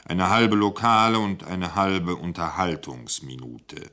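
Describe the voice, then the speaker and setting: A man's voice: sits low, bright, forceful tone, exaggerated voice. Man voicing a mournful, vain old essayist. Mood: self-pitying. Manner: slow, mournful, theatrical pauses. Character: vain, self-pitying older male essayist.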